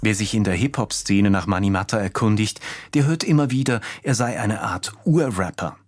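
Measured male radio host, low voice. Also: soft background music. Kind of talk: scripted radio narration. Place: home office.

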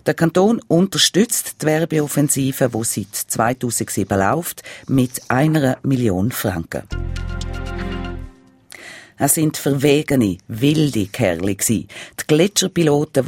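A man's voice: medium pitch, darkish tone, dry recording. A man with a Swiss German accent reading scripted regional radio news as a presenter.

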